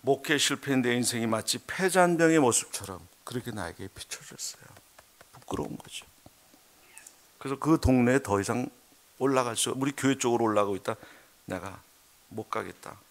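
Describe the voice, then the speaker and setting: A man's voice: medium pitch, a little fast. Middle-aged man preaching a heartfelt testimony. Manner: swings between hushed murmurs and loud emphatic bursts. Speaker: missionary preacher. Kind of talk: emotional testimony sermon. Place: church sanctuary.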